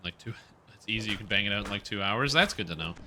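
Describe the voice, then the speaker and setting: Bright-voiced streamer man on headset audio. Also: fairly low pitch, expressive, quick pace, a little hiss or hum. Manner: talkative, reacts loudly to gameplay, swears. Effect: livestream headset audio. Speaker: livestreamer. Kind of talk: casual gaming commentary, chatting with viewers. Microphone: livestream headset mic.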